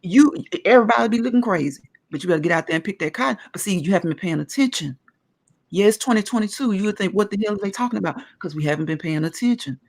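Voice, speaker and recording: Emphatic woman with a gravelly edge. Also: medium pitch, animated, fast. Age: 40s. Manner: earnest, emphatic, explaining at length. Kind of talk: casual discussion.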